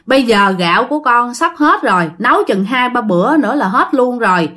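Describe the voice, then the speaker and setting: A woman's voice: a little high, lively intonation, a little fast, sharp tone. A woman voicing an insistent young man who keeps pressing for what he is owed. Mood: pleading. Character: young man, friendly but stubborn.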